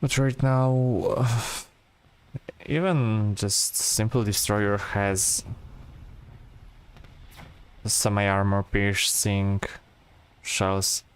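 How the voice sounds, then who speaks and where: A man giving relaxed, rambling gameplay commentary, full of fillers and restarts. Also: fairly low pitch, drawn-out words, pauses often, smooth. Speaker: gameplay streamer.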